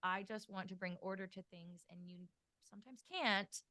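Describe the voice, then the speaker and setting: A woman in her thirties hosting a casual podcast. She talks in a loose, chatty way, peppered with fillers and quick laughs. Her voice sits dry and close to the mic. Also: medium pitch, pushed and bright, no room sound. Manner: chatty, lots of "like", laughs easily. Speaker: podcast host.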